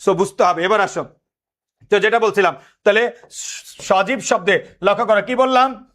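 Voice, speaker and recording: A young man teaching an admission test lesson, animated, quizzing students and answering his own questions. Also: sits high, moderate pace.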